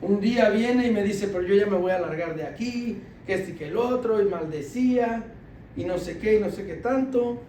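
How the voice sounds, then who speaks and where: A high-voiced man preaches as a deacon, telling a story with animation and laughter. He drops his voice low to quote others. He is heard from far off in an echoey church hall with faint ambient noise. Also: normal speed, dark tone. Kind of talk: sermon testimony.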